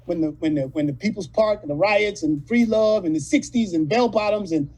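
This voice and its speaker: A man in his late fifties from California, telling rough, profane stories as a guest in a casual interview. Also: high-pitched, a little fast, darkish tone, poor audio. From California, USA. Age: 50s. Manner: profane, rambling, street-talking storyteller. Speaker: actor guest.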